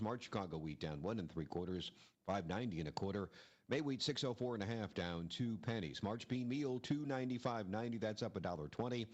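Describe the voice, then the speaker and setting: Lower-pitched American man reading stock prices. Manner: reading stock prices, clipped rundown of figures. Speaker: farm market reporter. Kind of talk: scripted radio market report.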